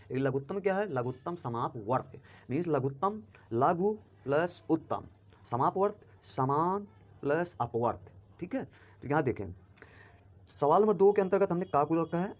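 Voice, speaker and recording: A man teaching a primary school math lesson, explaining steps and often checking if students follow. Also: medium pitch. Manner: quick, explanatory, checks understanding with "clear?".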